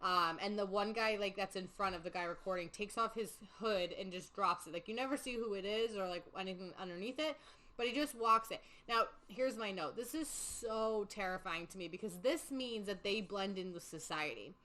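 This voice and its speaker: A woman's voice: medium pitch, moderate pace, poor audio. Chatty young woman recapping a movie. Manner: chatty, animated storytelling with many fillers. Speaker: podcast host. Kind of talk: casual movie recap chat.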